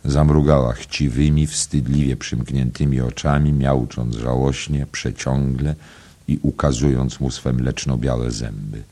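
Male audiobook narrator, calm literary reading, very low and husky. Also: unhurried. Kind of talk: scripted narration.

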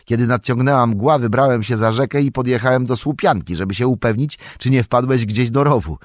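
A man voicing a cheerful, eager young male hobbit who chats brightly in a raised voice. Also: medium pitch, fairly quick, dry recording, studio quality, pitched above the performer's own voice, natural voice.

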